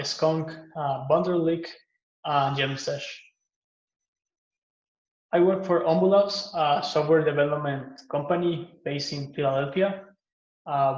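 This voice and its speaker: A man from Guatemala gives a recorded pitch for an open source project he maintains, talking in a relaxed way with many "uh" fillers and restarts. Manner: relaxed, with frequent "uh" and "um" fillers and self-repairs. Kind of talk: recorded conference pitch talk. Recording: echoey, muffled lo-fi room recording.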